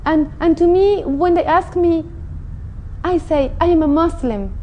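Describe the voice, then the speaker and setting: A middle-aged Mexican woman with a very high voice and a Mexican Spanish accent speaks unhurriedly as an interview guest, earnestly and feelingly giving personal testimony about her own life. The lapel-mic recording from the indoor TV studio set sounds lo-fi, with slight background noise.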